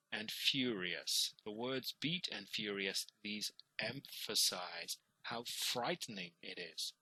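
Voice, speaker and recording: A man's voice: fairly low pitch, bright, forceful tone, breathy edge, no echo, poor audio. A man teacher giving a recorded online lesson, explaining step by step with fillers and repeated words.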